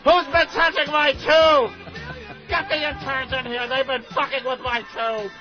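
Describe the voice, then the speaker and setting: A man's voice: very high-pitched, flat delivery, measured pace. A male radio host talking through a cardboard tube, hamming it up as a mock DJ in a comedy bit. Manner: hammy mock-DJ announcing. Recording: muffled radio audio with loud music bed.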